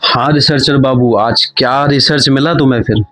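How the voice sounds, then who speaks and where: A man's voice: mid-range voice, moderate pace, sharp tone, faint music behind, natural voice, rough recording. A man voicing a patient big-brother mentor who gives coaxing, reassuring advice. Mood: advising.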